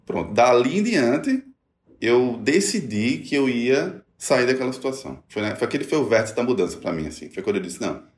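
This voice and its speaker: A middle-aged man tells his own story in conversation. He talks in an animated way and acts out the voices he quotes. His voice carries a roomy echo. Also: medium pitch, brisk. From Brazil. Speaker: guest telling his story. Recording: echoey room.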